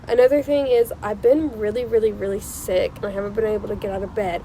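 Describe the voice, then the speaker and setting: A woman's voice: mid-range voice, fairly even intonation, fast talker, dark tone, slight background noise, rough recording. A young woman hosting a casual advice vlog with a stuffy nose, talking in an emphatic, insistent and reassuring way and repeating herself for emphasis. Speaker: channel host. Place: outdoors on a porch. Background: passing cars.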